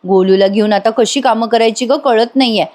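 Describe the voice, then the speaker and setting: A kind middle-aged mother-in-law who fusses over the household, read by a woman recapping a serial. She talks in a warm, motherly way with a fairly high voice. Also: fairly quick, close to an everyday voice.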